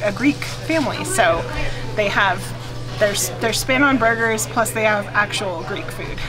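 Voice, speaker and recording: With a medium-pitched voice and a measured pace, a food vlogger in her thirties chats casually to camera from a small restaurant booth, miked close. She's chatty and enthusiastic with lots of fillers, and the low-quality recording has background music.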